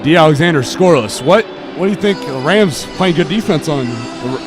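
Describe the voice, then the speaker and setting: A slightly high, animated young man, a teenage or young adult student, delivers live basketball play-by-play at a moderate pace in clipped phrases matching each action. Behind him are music, general gym noise and the thud of bouncing balls.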